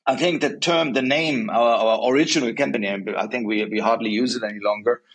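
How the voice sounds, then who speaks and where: Male interview guest, mid pitch, walks through points in order and keeps checking in with "right?". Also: fairly even intonation, a little fast, fairly bright tone, rough recording. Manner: explains point by point, often adds "right?". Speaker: guest, software company regional director. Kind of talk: casual interview talk.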